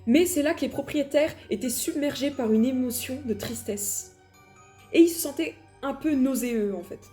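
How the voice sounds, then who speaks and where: A woman's voice: sits high, moderate pace, warm tone, faint music behind. A woman casually telling paranormal stories, chatty and laughing at herself, with dramatic emphasis. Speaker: paranormal storyteller. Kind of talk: casual storytelling.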